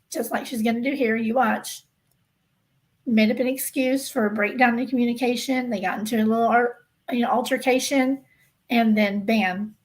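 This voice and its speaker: A woman with a slightly high voice, captured on a rough recording, hosts a laid-back livestream for her true-crime gossip channel. She talks insistently and emphatically, circling back to repeat what she wants viewers to take away.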